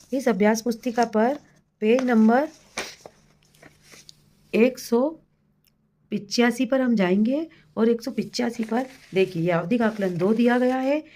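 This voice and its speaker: A woman teacher speaks in a somewhat high voice, guiding fellow teachers through an assessment step by step. She is patient and explanatory, and slows right down when she reads out words for dictation. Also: a little mellow. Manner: patient, addresses listeners as colleagues, reads words slowly for dictation. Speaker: primary school teacher.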